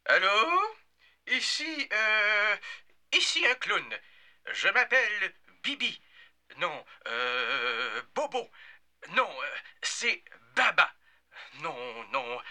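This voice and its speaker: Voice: mid-range voice, big pitch swings, very slow, bright, forceful tone, exaggerated voice. An actor playing a flustered, hesitant male clown who stumbles and corrects himself, in a scripted language-lesson dialogue. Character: flustered male clown who keeps forgetting his name.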